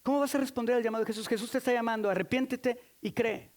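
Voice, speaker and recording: A man's voice: very high-pitched, fairly even intonation, quick pace. A man from Mexico City with a Mexican accent, preaching a sermon emphatically, calling for responses and teasing the congregation. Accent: Mexican Spanish. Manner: playful teasing asides. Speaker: pastor.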